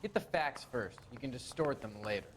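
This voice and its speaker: A man's voice: medium pitch, expressive, fairly quick, a little hiss or hum, close to an everyday voice. A man playing a wisecracking passer-by in a 1940s crime game, in scripted background dialogue. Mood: wry.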